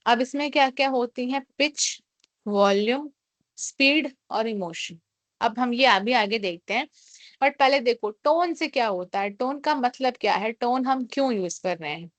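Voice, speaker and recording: A woman teaching a class, explaining each point in Hindi and reading English definitions out slowly. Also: a little high, no room sound. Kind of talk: classroom lecture.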